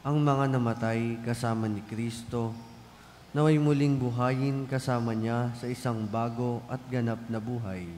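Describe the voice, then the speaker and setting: A man with a Filipino accent reads formal prayer intentions as a lector, solemn and measured, with cathedral echo. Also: medium pitch, steady tone, darkish tone. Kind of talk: formal liturgical prayer reading. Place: large church, amplified. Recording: cathedral echo, long reverb, background noise.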